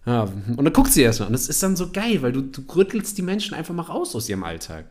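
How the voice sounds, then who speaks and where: A man in his thirties hosting a podcast in casual chat, animated and slangy, laughing often as he tells stories. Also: mid-range voice, quick pace. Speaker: podcast host.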